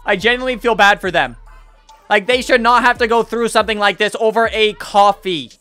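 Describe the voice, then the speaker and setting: A man's voice: high voice, fairly quick, bright, forceful tone, clear, resonant tone, faint music behind. A man gives casual, exclaiming, incredulous reaction commentary full of slang, close on the mic. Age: 20s. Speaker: reaction video host. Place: small indoor home studio. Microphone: close boom-arm microphone.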